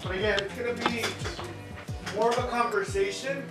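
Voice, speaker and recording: High-voiced man presenting from far off. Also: steady tone, normal speed. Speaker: presenter at a school counseling talk. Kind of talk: informal presentation to a class. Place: classroom, picked up from across the room. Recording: distant echoey room, loud background music.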